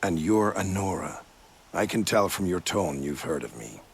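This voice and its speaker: An actor playing a courteous, evasive male commander who smoothly denies wrongdoing. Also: sits low, animated, moderate pace, slight background noise. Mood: smooth denial.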